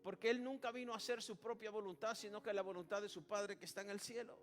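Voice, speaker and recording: Faint music plays behind a man preaching quickly in Spanish in a high-pitched, steady tone. He keeps addressing the congregation as "hermano" and repeating "alabado sea el nombre de Jesús," with many restarts.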